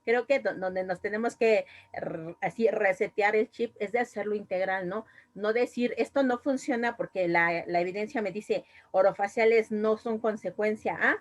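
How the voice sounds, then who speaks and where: A woman's voice: mid-range voice, normal speed. A woman with a Mexican accent, a speech therapist giving a long, rambling comment on an online panel, full of fillers and restarts. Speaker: speech therapist, audience participant. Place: video call.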